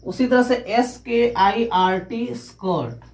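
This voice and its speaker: Slow, careful woman teaching. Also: on the high side, darkish tone. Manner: slow, spells words out letter by letter. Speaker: English pronunciation teacher. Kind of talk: explaining phonics rules step by step.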